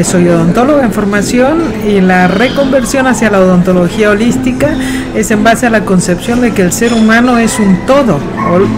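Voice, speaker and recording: A woman's voice: medium pitch, rough recording. A middle-aged woman from Argentina, answering interview questions as a dentist, thoughtful and hesitant, with many fillers. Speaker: dentist guest. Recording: loud music under the voice.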